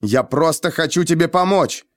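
A man's voice: medium pitch, animated, normal speed, no room sound, clean studio sound, natural voice. A male audiobook reader voicing a proud, defensive young man who speaks in a heated, biting way. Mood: angry. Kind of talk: audiobook character reading.

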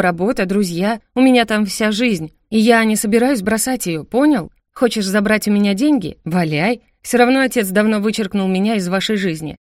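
Woman reading a hurt young heroine for an audiobook; sharp, raised delivery, dry studio sound. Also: mid-range voice, no echo, close to an everyday voice. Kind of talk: audiobook character voice.

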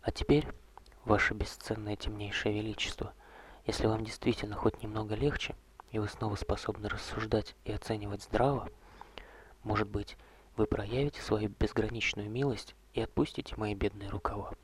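A man voicing a weary, gentle old male vampire courtier who speaks slowly and softly, often in a whisper, with a husky voice. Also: fairly low pitch, fairly even intonation. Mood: gently ironic. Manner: soft, slow, hushed, often whispered.

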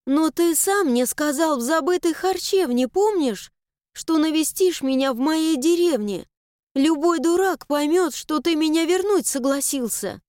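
A woman's voice: lively intonation, unhurried, darkish tone, no echo, clean studio sound. Mila, a woman doing a fiery village girl. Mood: accusing. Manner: high, indignant and pleading. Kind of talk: audiobook character voice.

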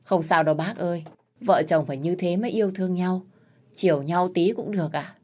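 A woman voicing an older father-in-law who defends his daughter-in-law and calms the others. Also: lowish voice.

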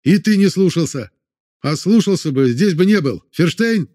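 A man's voice: sits high, lively intonation, normal speed, a little mellow, voice pushed up. A cocky young soldier in bandages mocks and scolds a troublemaker in this audiobook, voiced by a male narrator. His speech rises well above a normal register. The tone stays sneering and lecturing throughout. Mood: mocking scolding. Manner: mocking, scolding.

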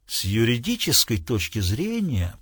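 A man's voice: a little high, big pitch swings, moderate pace, dry recording, clean studio sound. A man playing a sardonic, mock-polite lawyer. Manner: ironic, thoughtful, teasing.

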